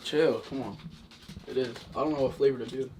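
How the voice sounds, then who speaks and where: A man's voice: medium pitch, fairly quick, dark tone, a little hiss or hum. A young man from Queens with a New York accent, chatting casually and slangily in a vlog. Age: young adult. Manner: slangy, off-the-cuff. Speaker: baseball player, vlog subject.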